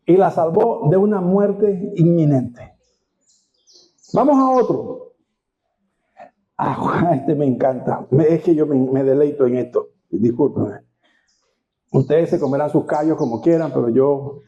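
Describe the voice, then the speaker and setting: A pastor preaching a sermon, retelling scripture dramatically and firing rhetorical questions at the congregation. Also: male voice, a little high, a little slow, long pauses, dark tone. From Venezuela. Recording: dull lo-fi sound.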